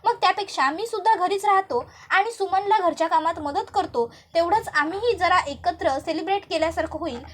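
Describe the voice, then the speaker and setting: A woman voicing a scheming middle-aged uncle who lies smoothly and insistently to his family. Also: extremely high pitch, brisk, few pauses, fairly bright tone. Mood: reasonable.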